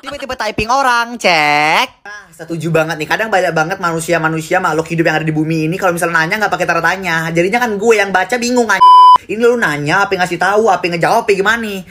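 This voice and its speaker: A woman's voice: on the low side, fast talker, crowd noise. A young woman giving sarcastic, exasperated comedic commentary, with faint music underneath. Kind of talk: comedic commentary on texting habits.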